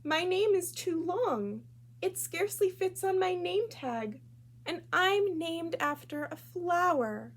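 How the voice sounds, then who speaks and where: A woman's voice: extremely high pitch, lively intonation, takes it slowly, pitched above the performer's own voice, full character voice. A woman voicing a sensitive, earnest young schoolgirl in a children's storybook. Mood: dejected.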